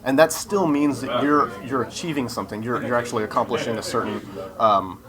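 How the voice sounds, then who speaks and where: A video game developer answers a casual interview as a guest, giving earnest explanations in a mid-range voice at a slightly fast pace. Crowd chatter surrounds his voice.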